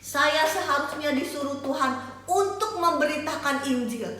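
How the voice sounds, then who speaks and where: A woman doing a hushed, sorrowful prophet. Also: high voice, moderate pace, heavy reverb. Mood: pleading. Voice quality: soft, hushed, tearful. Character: sorrowful repentant man, the prophet Jonah.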